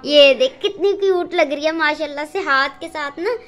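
A woman, narrating a casual home vlog in a fond, chatty way. Her voice sits fairly high for a woman. She is recorded on a handheld phone indoors at home. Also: moderate pace, a bit bright. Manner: chatty, affectionate, talks fondly to the cats. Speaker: vlogger. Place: home kitchen and rooms, indoors.

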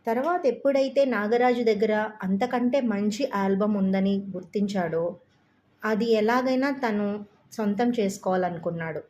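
Woman storyteller, audiobook story narration, calm, measured. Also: medium pitch.

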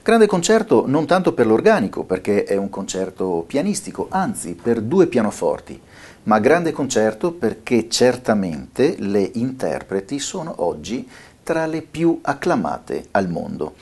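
A middle-aged man from Italy, seated in a studio, presents an upcoming concert from his notes on a lapel mic, pausing often on fillers. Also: on the low side, slightly rough. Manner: lively, with frequent filler pauses. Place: bright studio office, seated at a desk.

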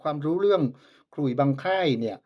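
A man's voice: fairly high pitch, very animated, fairly quick, dull audio. A man who makes flutes, demonstrating and selling them in a casual vlog, polite but scornful of his rivals. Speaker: flute maker.

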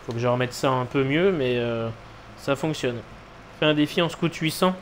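A man's voice: medium pitch, normal speed. A man giving casual live commentary as he streams a game, with noncommittal, shrugging asides. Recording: clear background noise, game ambience.

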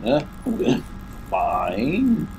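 Speaking extremely slowly, a man with a medium-pitched, slightly mellow voice swings hugely in pitch, and faint hiss or hum sits under him. He's a gaming YouTuber from England giving casual let's play commentary on a horror game, muttering and grumbling with a blocked nose and hiccups.

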